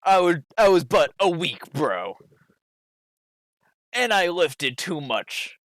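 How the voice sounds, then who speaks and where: A man plays a proud gym bro monk in a tabletop game. He speaks slowly and emphatically, with lively swings in pitch, as a dim dude who worships muscle. The sound is close and dry. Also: dry recording, exaggerated voice. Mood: earnest, reminiscing. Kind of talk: in-character tabletop role-play.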